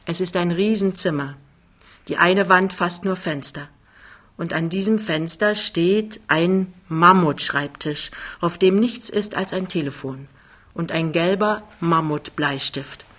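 An audiobook reader narrating a novel in a measured, descriptive way. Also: medium pitch, a bit bright. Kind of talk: scripted narration.

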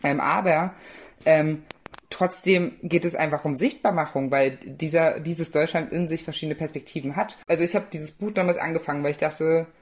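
A woman's voice: sits low, moderate pace. A young woman from eastern Germany, an author speaking as a podcast guest, talking with many fillers and restarts. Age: young adult. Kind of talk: conversational podcast interview.

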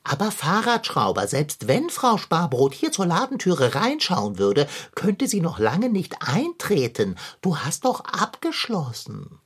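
A woman's voice: deep voice, huge pitch swings, measured pace, few pauses, slightly rough, heavily acted. A woman voicing a pompous male pirate cat in a children's radio play, speaking in stiff, old-fashioned phrases.

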